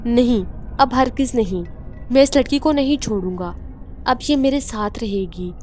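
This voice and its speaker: A woman voicing a vengeful male spirit possessing a girl in a horror story, speaking slowly and threateningly. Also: a little high, darkish tone, faint music behind, lightly acted. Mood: menacing.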